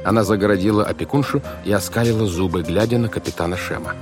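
A man narrating a storybook in a measured, expressive reading style. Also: fairly low pitch, music in the background. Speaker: audiobook narrator.

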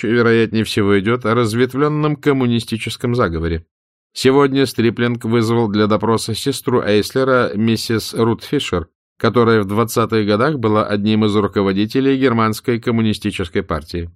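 A man's voice: medium pitch, moderate pace, no echo, clean studio sound, lightly acted. A man voicing a formal radio news announcer reading bulletins.

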